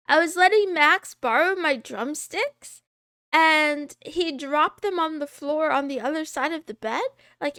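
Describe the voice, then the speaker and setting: A woman's voice run through a voice changer, sitting high and moving at an unhurried pace. She chats casually as a streamer, wandering between thoughts and laughing often. The sound is dry and close, with no room around it. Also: a bit bright, no echo. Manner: rambling, self-interrupting, laughs often. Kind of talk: casual chat.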